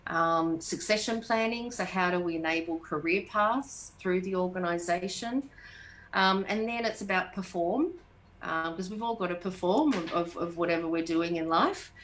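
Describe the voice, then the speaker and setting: Measured middle-aged Australian woman, lowish voice. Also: a bit bright, rough recording. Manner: measured, explanatory, lists points with fillers. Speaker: HR manager, interview guest. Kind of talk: conversational interview answers.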